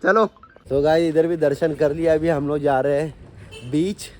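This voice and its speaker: A man's voice: a little high, steady tone, a little slow, darkish tone, a little hiss or hum. A man hosting a casual family vlog, chatting and talking to his viewers. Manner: chatty, keeps addressing viewers as guys. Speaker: vlogger host. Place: temples and outdoors on a family outing.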